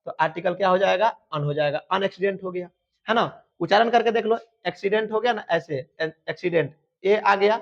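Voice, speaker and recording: A man teaching an exam-prep grammar lesson, emphatic and repetitive, fondly addressing his students. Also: sits high. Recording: dull lo-fi sound.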